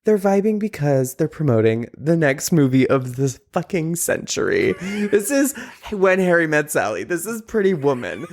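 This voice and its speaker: A man hosting a podcast in a casual, joking way, laughing often. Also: on the high side. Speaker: podcast host.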